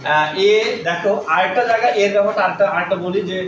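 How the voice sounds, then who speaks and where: In a classroom lecture on English grammar, a man speaks quickly in a voice that sits high, with fairly even intonation, explaining step by step and asking and answering his own questions. The room is echoey and the background noise is loud.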